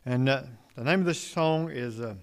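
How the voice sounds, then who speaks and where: Halting, rambling gospel group singer. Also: male voice, medium pitch. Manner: rambling, halting, many fillers. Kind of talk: casual stage talk.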